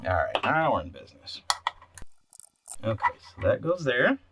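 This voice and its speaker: Here a man with a medium-pitched voice swings wildly up and down in pitch at a moderate pace while fixing electronics for his video. He chats unscripted, mumbling to himself and replying to his own questions. The audio sounds muffled, and clicks and clattering are plainly audible behind him.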